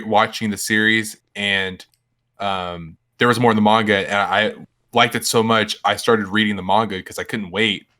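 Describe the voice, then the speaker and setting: A man co-hosting a podcast, talking casually with many pauses and fillers. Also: lowish voice, pushed and bright. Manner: halting, full of fillers. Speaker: podcast co-host. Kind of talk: casual chat.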